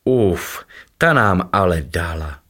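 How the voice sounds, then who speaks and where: A man voicing a small male creature with a thin, squeaky little voice in a children's story. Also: animated, bright, forceful tone. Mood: eager.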